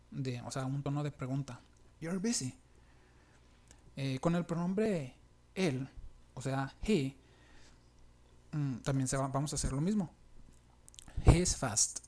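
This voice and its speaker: Male teacher for a recorded English lesson; patient and halting, mid-pitched, lifts his voice on the example questions. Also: darkish tone. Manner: patient, halting explanation with pauses; reads English example phrases with a questioning lift.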